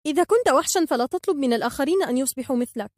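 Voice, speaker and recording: A woman's voice: high voice, expressive, very fast, a little mellow, no echo, studio quality, voice pushed up. A woman voicing a kind-hearted, outspoken young girl who is firm yet tender. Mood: reproachful.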